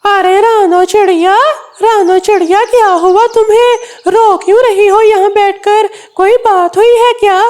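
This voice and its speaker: A woman's voice: very high voice, steady tone, measured pace, darkish tone. A woman voicing a kind, helpful male parrot in a cartoon, speaking in a comforting, coaxing way.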